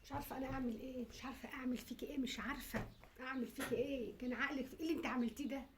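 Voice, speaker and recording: Here is a woman acting out a frantic, furious Egyptian mother in a skit, her voice a little high. She fires off quick scolding questions between pleading prayers. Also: steady tone, noisy background, natural voice. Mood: anxious praying. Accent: Egyptian Arabic.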